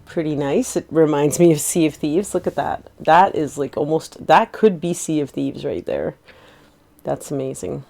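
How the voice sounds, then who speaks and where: A woman's voice: deep voice, expressive, normal speed, creaky, darkish tone. A woman in her forties chatting in a rambling, easygoing way while streaming a game, laughing easily. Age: 40s. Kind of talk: casual gameplay chat.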